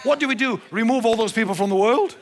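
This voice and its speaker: A man's voice: very high voice, fast, in a large hall. A male pastor preaching a sermon, emphatic and repeating his key phrases.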